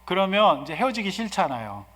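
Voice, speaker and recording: Lively fifties man preaching in a church hall. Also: high-pitched, a little fast. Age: 50s. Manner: lively preaching that swings from soft asides to loud exhortation. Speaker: guest pastor. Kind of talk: sermon. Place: church sanctuary.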